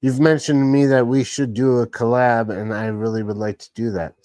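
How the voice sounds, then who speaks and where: A man's voice: medium pitch, fairly even intonation, fairly quick, darkish tone, no echo. A man casually hosting a live stream, rambling along and greeting chat viewers by name. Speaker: livestream host.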